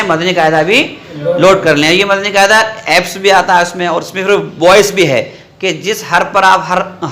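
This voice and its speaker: A man's voice: high-pitched, a bit bright. A man teaching Quran reading. He asks his class questions, answers them himself, and draws out the letter sounds in a sung way.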